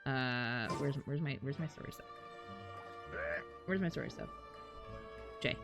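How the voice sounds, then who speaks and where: This woman's voice is very deep, and her pace is a little slow as she livestreams games. She chats animatedly and casually with her viewers, cursing occasionally and chuckling, while game music and character lines play faintly.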